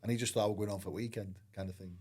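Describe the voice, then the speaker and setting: A man's voice: fairly low pitch, fairly even intonation, rapid-fire, a little mellow. A middle-aged former footballer, telling his story in a candid, rambling way. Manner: candid, rambling, frequent "I says" and "like". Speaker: guest, former professional footballer. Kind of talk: casual storytelling interview.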